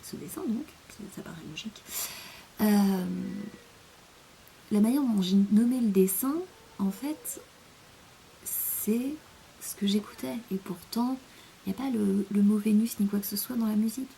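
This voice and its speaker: A woman's voice: mid-range voice, unhurried, vocal fry, long pauses, dark tone, slight background noise. A young French woman chatting in a casual rambling monologue, hesitant, with many fillers, often sinking to a near-whisper. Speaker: vlogger.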